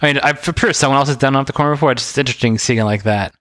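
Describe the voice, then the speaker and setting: A man chats quickly on a podcast, throwing out trivia in an easy, casual way. His mid-pitched voice comes through a close, dry mic with no room sound. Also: fairly bright tone, no room sound. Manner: quick, chatty, trivia-sharing. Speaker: podcast co-host. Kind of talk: casual chat.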